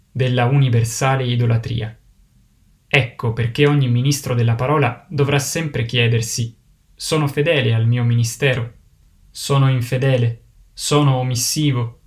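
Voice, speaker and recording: Man preaching in a solemn cadence. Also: medium pitch. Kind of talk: sermon.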